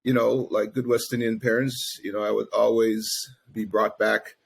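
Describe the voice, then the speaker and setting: A middle-aged man from Grenada with a lowish voice talks through his career at an easy pace. He fills his sentences with "you know" and "um" as he goes. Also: flat delivery, normal speed, gravelly, breathy edge. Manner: easygoing, many fillers like "you know" and "um". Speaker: guest, investment firm founder. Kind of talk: casual interview talk.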